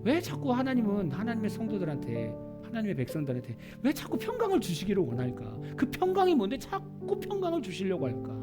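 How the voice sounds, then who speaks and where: Lively, high-voiced man preaching. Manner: lively preaching, rhetorical questions, acts out small scenes. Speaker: pastor. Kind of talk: sermon.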